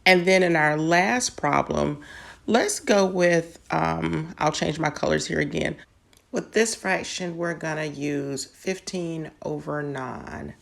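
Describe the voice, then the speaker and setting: A woman's voice: deep voice, gravelly. A woman patiently explaining math step by step in an online lesson. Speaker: math teacher.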